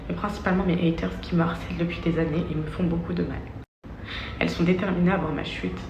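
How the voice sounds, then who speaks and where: A young woman reading a personal statement to her followers as an earnest, halting apology. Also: lowish voice, vocal fry. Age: young adult. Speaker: social media influencer. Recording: noisy, very echoey, distant microphone.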